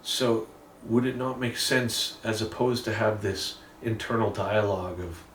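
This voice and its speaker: Low-voiced man musing from a distance. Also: little pitch movement, a little slow, a bit bright, slight background noise. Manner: rambling, candid, swears casually. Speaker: musician vlogging an update. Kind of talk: casual reflective monologue. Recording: roomy, distant mic with faint ambience.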